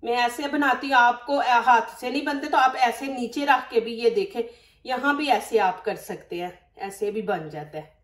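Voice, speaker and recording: Speaking at a normal speed with a fairly high pitch, a cooking channel host with a Pakistani Urdu accent walks viewers through a recipe at home. She is chatty and instructive and often uses religious phrases, while the far-off mic gives the kitchen a roomy sound.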